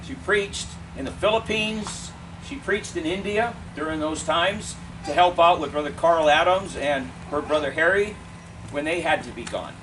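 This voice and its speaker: Higher-voiced man giving a funeral eulogy, distant mic. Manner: measured, deliberate delivery in short phrases with pauses. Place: funeral service, speaker away from the mic. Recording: distant mic, clear steady air-conditioning noise.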